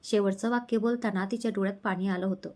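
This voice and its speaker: A woman storyteller reading a romance serial aloud in a steady, even manner. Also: mid-range voice, quick pace. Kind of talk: scripted story narration.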